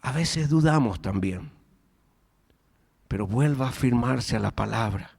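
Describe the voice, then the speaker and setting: A man with an Argentine accent preaching a sermon in church, swinging between raised and hushed delivery. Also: medium pitch, animated, unhurried, gravelly, slightly rough. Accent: Argentine Spanish. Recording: church hall reverb with faint music.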